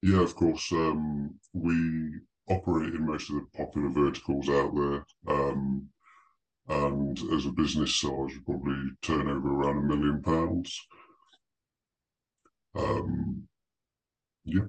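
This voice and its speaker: A man speaks through a voice changer that drags his voice down to an extremely low rumble, hiding who he is. He talks slowly and carefully, with frequent ums, as an anonymous guest on a casual podcast. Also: flat delivery, low-quality recording. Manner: measured, hesitant, frequent ums. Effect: voice changer pitching the voice very deep to disguise it. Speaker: anonymous guest, lead generator.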